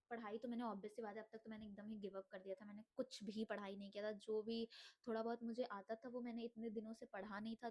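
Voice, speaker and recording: A woman's voice: on the high side, dark tone. A young woman with a cough telling her own life story in an earnest vlog monologue, mixing Hindi with English phrases. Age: young adult. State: unwell, coughing.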